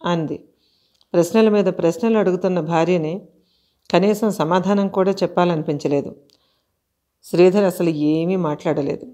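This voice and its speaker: Woman reading a calm horror story. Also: fairly low pitch, moderate pace, pauses often. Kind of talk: scripted horror story narration.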